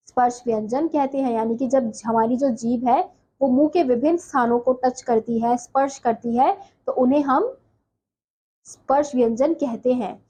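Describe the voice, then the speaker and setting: Female grammar teacher, self-questioning classroom delivery, slightly husky, dark tone. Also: high-pitched, low-quality recording. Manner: asks and answers her own questions, slow and deliberate. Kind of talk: classroom lesson explaining.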